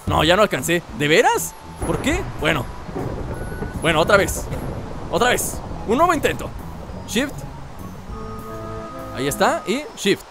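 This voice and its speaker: A man with a Mexican accent chats through a video game in a high voice that swings all over the place. He jokes with his viewers as he plays, and game music runs behind him. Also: wildly swooping pitch, a little slow, long pauses. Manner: playful, jokey, talks to viewers while playing. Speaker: gameplay commentator. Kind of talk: casual gaming commentary.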